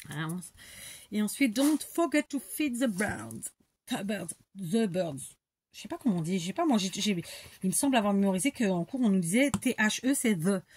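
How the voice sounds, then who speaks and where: Her voice is husky and medium-pitched. As a middle-aged woman doing a casual scrapbooking tutorial, she rambles, chats, and talks to herself while working, sounding a bit stuffy and in need of blowing her nose.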